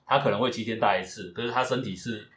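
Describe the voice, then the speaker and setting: A man, a father co-hosting a casual podcast chat, chatty and quick to react with asides. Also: lowish voice, a crowd in the background.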